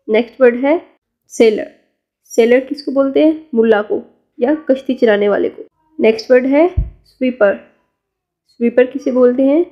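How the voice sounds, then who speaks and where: A woman with a fairly high voice teaches vocabulary, asking each question and answering it herself in a patient, steady drill. The recording sounds dull and lo-fi. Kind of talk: vocabulary lesson.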